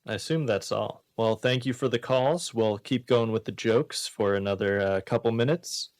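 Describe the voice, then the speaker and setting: In a dry studio recording, a man with a lowish voice talks at a moderate pace. He's a radio comedy host who reads jokes and banters casually with a dry, mock-serious touch.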